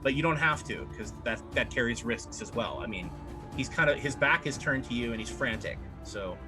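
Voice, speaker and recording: A man's voice: mid-range voice, expressive, normal speed. A man running a tabletop game as game master, narrating action and explaining rules conversationally, drawing out words for drama. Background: music.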